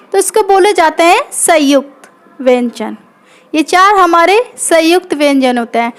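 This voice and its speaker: A woman teaching grammar in a coaching-class lesson, patient and repetitive, often checking in with her students. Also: very high-pitched. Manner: patient, repeats points, checks in with "theek hai". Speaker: Hindi teacher.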